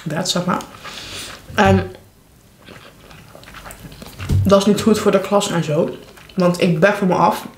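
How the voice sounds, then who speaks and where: A woman's voice: on the low side, fairly even intonation, slow pace, long pauses. A young woman in a casual mukbang vlog, chatting candidly and informally between bites in a room at home. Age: young adult. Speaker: vlogger. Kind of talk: casual chat while eating, mukbang vlog. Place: living room at home, indoors. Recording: echoey room, clear background noise.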